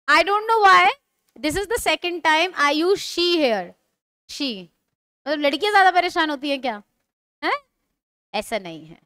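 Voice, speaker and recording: A young Indian woman teaching spoken English in Hindi, drilling example sentences slowly and answering her own questions. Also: high-pitched, a bit bright, dry recording, clean studio sound.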